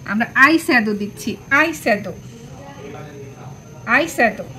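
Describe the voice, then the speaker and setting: High sing-song woman cooing at her cat. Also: expressive, moderate pace, pushed and bright, rough recording. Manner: cooing, sing-song, repeats words affectionately. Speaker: pet vlogger. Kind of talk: doting baby talk to a pet cat.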